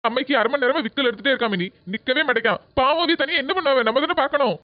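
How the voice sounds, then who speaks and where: A woman's voice: high voice, very fast, no room sound, close to an everyday voice. A woman voicing a concerned, coaxing grown son in a comedy cartoon, pleading insistently with a southern Tamil Nadu accent, in muffled, noisy audio. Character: concerned, coaxing adult village son and husband. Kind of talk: comedy skit voice acting. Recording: muffled audio with hiss and clicks.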